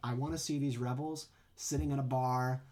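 A man's voice: medium pitch, steady tone, normal speed, darkish tone. A man co-hosting a podcast in casual fan chat, playful and given to joking asides. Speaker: podcast co-host.

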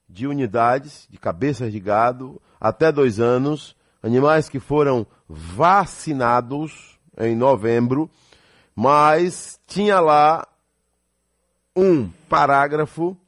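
A man's voice: mid-range voice, no echo, clean studio sound. A man hosting a live radio news interview in an emphatic, conversational way. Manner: emphatic, reads out notices with spoken punctuation. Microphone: close studio radio microphone.

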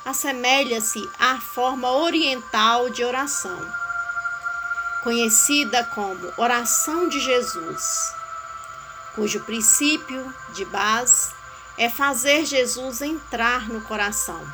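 A woman giving a calm, measured devotional teaching on a way of praying. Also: on the high side, music in the background, low-quality recording. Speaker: spiritual guide.

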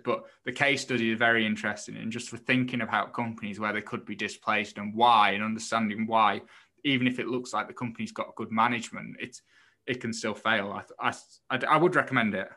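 A man's voice: fairly low pitch, pushed and bright. A man co-hosting a podcast, explaining things in casual, somewhat tentative conversation. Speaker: podcast co-host reviewing a book.

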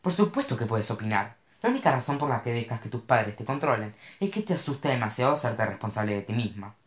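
A man's voice: mid-range voice, expressive, quick pace, natural voice. A narrator voicing a rich young male actor who talks in a cocky, teasing way. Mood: teasing, blunt. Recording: roomy echo.

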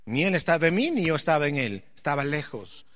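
Male preacher, high and animated voice, bright tone, fiery and direct with the congregation. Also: fairly quick. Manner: impassioned, rising to near-shouts; addresses the congregation directly with questions. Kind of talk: sermon.

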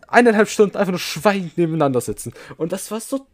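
A man's voice: sits high, animated, fast talker, dry recording. A young man co-hosting a podcast, telling a long story in a rambling way with many fillers. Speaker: podcast co-host. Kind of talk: casual podcast chat.

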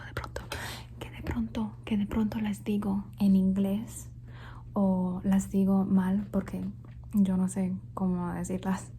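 A woman from Colombia whispers softly in an even, unhurried line, drifting between Spanish and English. She repeats single words again and again for tingles, and her voice has a warm, mellow tone. Faint thunderstorm sounds murmur behind her. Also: mid-range voice, slight background noise. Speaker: ASMR creator. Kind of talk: whispered ASMR ramble.

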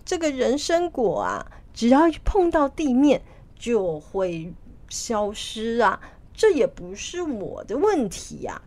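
A woman voicing a timid, deferential old male earth god who speaks slowly and softly. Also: a little high, sing-song, full character voice. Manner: deferential, slow, soft.

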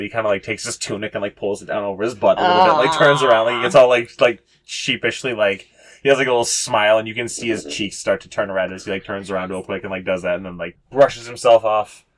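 A man's voice: on the low side, fast talker. A young man narrating a tabletop game as game master, rambling with many fillers and casual swearing. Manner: rambling, lots of fillers, profane.

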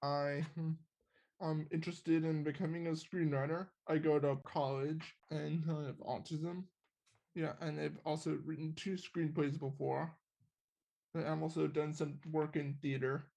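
A man's voice: fairly high pitch, flat delivery, measured pace, creaky, a little mellow. A young man introducing himself plainly and a bit hesitantly in a group discussion. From California.

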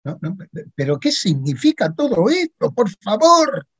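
A middle-aged Argentine man with a husky, fairly high voice, acting in a comedy sketch. He stammers and frets in slow, halting bursts, with a lively up-and-down pitch. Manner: flustered, stammering, panicky. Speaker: sketch character, supposed astronaut.

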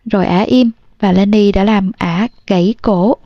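A woman's voice: medium pitch, steady tone, measured pace, no echo. Woman narrating a novel, dull dry audio. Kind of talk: storybook narration.

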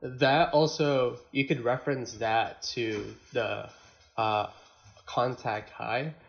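A man chatting casually on a podcast in a laid-back, slangy way, often halting and repeating words. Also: medium pitch, fairly even intonation, vocal fry, highs cut off. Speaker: podcast co-host or guest. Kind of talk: casual chat.

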